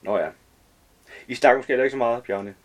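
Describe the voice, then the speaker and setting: A man's voice: medium pitch, natural voice. A man reading aloud as a talkative, overly familiar man in his early forties who rambles in slangy chatter.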